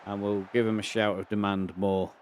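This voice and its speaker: A man's voice: lowish voice, level tone, moderate pace, a little hiss or hum. A man, out of breath, casually commentating over a football management game and thinking aloud as the match plays out. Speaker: video game player and channel host.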